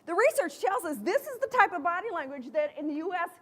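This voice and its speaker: A middle-aged American woman with a lively, playful manner, giving a motivational keynote talk to students. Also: very high-pitched, fast. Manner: lively, playful, acts out quoted voices. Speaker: motivational speaker. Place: large events hall.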